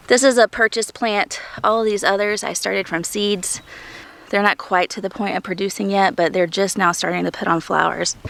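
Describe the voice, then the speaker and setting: A woman in her thirties walks through her vegetable garden outdoors, chatting eagerly as she points things out. Her voice has a gravelly, creaky edge and sits at a middle pitch. She is a little out of breath from the heat. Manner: chatty, enthusiastic, thinking aloud. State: hot and breathing heavily. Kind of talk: casual garden tour vlog.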